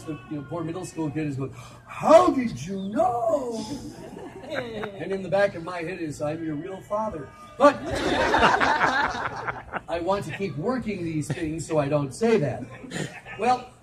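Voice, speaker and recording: A middle-aged man doing live comedic storytelling on an outdoor festival stage, with animated, teasing banter aimed at the audience. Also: high-pitched. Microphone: handheld phone in the audience. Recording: distant phone recording with crowd. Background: audience laughter.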